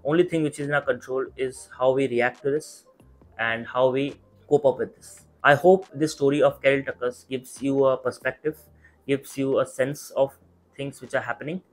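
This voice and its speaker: A young adult man with an Indian accent giving earnest, measured and reassuring advice straight to camera. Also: mid-range voice, steady tone, soft background music, low-quality recording. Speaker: YouTube mentor for medical exam students. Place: small indoor study room. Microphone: clip-on lapel mic.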